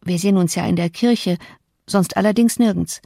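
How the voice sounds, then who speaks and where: A woman's voice: medium pitch, normal speed, gravelly, no room sound. Woman narrating an audiobook, dry close sound. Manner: expressive, dramatic reading. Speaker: audiobook reader.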